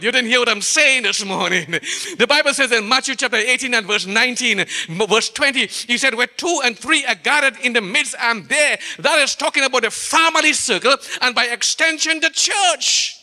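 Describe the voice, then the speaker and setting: The recording, steeped in long church-hall reverb, captures a Trinidadian-accented man preaching in a church sanctuary. His voice is very high and sharp, a little fast with hardly any pauses, and he leans on rhetorical questions and stretched-out key phrases for emphasis.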